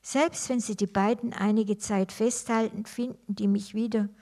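A woman's voice: medium pitch, fairly even intonation, normal speed, warm tone, close to an everyday voice. A woman reading aloud, voicing an anxious man who is being followed and sees no way out. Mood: resigned. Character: hunted man, anxious and resigned.

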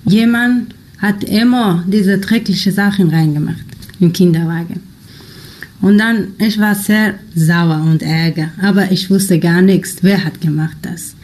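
A young woman from Afghanistan, a non-native speaker, telling her own experiences in an interview in halting German with many pauses and fillers. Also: on the low side, steady tone, a little mellow. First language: not German. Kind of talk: personal storytelling in an interview.

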